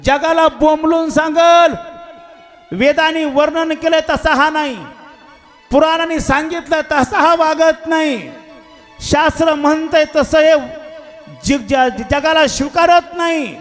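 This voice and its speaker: A man voicing a defiant male crocodile who loudly challenges God in a sermon story. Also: very high-pitched, steady tone, slow, faint music behind, pitched above the performer's own voice. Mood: shouting. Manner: loud, taunting, challenging.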